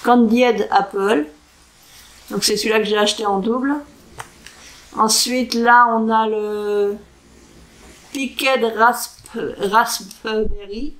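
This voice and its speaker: Slow, unhurried woman with a higher voice. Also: fairly even intonation, fairly bright tone, low-quality recording. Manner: unhurried and hesitant, sounding out foreign words slowly; chatty with frequent fillers and self-corrections. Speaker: crafting vlogger. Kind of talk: casual show-and-tell craft chat.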